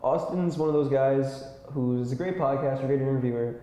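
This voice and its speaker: A man's voice: medium pitch, normal speed, dark tone. A man co-hosting a podcast, chatting in a laid-back way. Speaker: podcast co-host. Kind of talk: casual chat. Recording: very echoey room.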